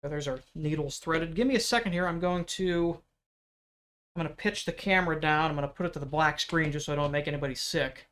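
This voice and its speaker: A man demonstrating leatherworking on a live stream, talking loudly in an explaining way and chatting with viewers into a microphone. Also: a little high, brisk. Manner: loud, explaining voice. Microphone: external microphone.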